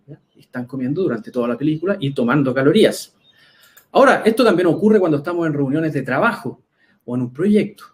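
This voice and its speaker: A Chilean man with a fairly high voice presents a live online talk as a health coach. He speaks conversationally to his viewers and keeps checking in to see whether they are following. The sound comes from a computer mic on a video call. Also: a little mellow. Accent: Chilean Spanish. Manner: conversational, often checks in with the audience by asking "¿ya?". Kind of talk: webinar presentation.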